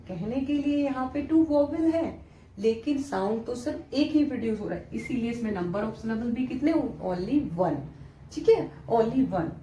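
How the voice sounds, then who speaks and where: A young woman with an Indian English accent gives a classroom-style English lesson, explaining step by step and frequently asking questions to check understanding. Her voice is a little high with a dark tone. The room is echoey, with faint background noise.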